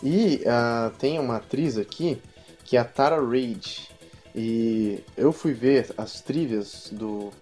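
A man co-hosts a loose podcast, recounting a film's scenes in a rambling, slangy and profane way. He breaks into laughter often, at a mid-range pitch. Faint music sits under the conversation. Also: takes it slowly, a little mellow. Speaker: podcast co-host. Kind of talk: casual film-review chat.

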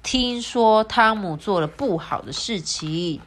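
A woman reads a children's story aloud, gentle and sing-song. She rises and dips to voice the characters as she goes. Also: medium pitch, lively intonation, slow.

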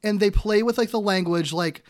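A man with a fairly high voice co-hosts a casual episode recap. He talks enthusiastically and breaks easily into giggles. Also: moderate pace. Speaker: podcast co-host.

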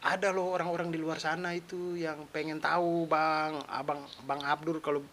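A young adult man from East Nusa Tenggara, Indonesia, with a mixed eastern Indonesian accent, hosts his own podcast as a chatty, self-deprecating solo monologue; he's also a stand-up comedian. His fairly high, a bit bright voice is flat in delivery at a moderate pace, with faint hiss.

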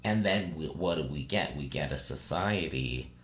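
A man co-hosts a casual podcast, musing aloud tentatively and often checking in with tag questions like "right?" and "you know." His voice is expressive and moderately paced. The recording has a roomy echo with a low hum and hiss.

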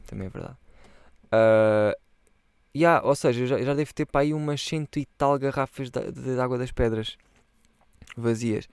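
A man's voice: medium pitch, moderate pace, long pauses, darkish tone, smooth, dry recording. Young man, clean dry voice. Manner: rambling, slangy, swears freely. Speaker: podcast host. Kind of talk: casual solo podcast chat.

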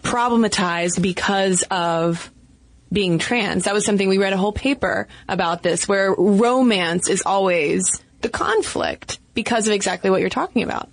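A woman's voice: medium pitch, moderate pace. A woman co-hosting a podcast, chatty and thinking aloud, with hesitant restarts. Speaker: podcast co-host. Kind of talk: casual podcast discussion.

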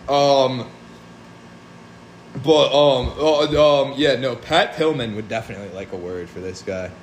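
A young man co-hosting a podcast in casual chat, excitable and loose, swearing freely. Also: medium pitch, measured pace. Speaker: podcast co-host. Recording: echoey room with faint noise.

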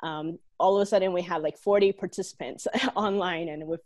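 A woman from Hong Kong talks casually on a podcast from her home office. Her voice sits a little low. She chats along, leaning on "like" and "um" fillers. The recording is dry, with no room sound. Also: fairly even intonation, fairly quick, darkish tone, no room sound. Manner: chatty, leans on "like" and "um" fillers. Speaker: online learning lead and co-host.

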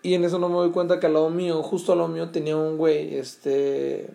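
Talking fast in a gravelly, dark voice that sits fairly high with a level tone, a young vlogger with a Mexican Spanish accent recounts a story to his audience. His restless retelling is slangy, full of fillers, and peppered with curses.

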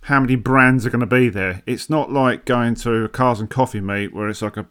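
A man's voice: medium pitch, brisk, a bit bright, clean tone. A man with an Essex accent chatting casually as a podcast co-host, with jokey, blokey banter. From south-east England, Essex. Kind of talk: casual chat. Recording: recorded remotely over online link.

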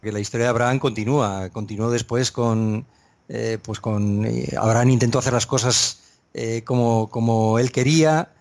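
A man's voice: medium pitch, steady tone, moderate pace, darkish tone. Hesitant, reflective man on faith. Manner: thoughtful, hesitant with many fillers and restarts. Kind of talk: reflective conversational preaching.

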